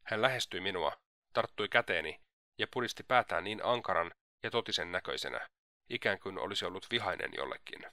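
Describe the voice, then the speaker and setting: A man's voice: low voice, lively intonation, bright, forceful tone, no room sound, studio quality, heavily acted. A man reading the lines of an anxious, fretful aging mother in an audiobook. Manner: fretful, pleading.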